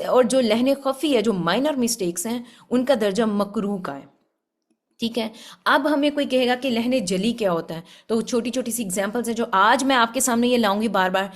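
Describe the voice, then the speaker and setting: A woman giving a religious lesson on Quran recitation, explaining patiently and often checking with her listeners. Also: a little high. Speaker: Quran tajweed teacher.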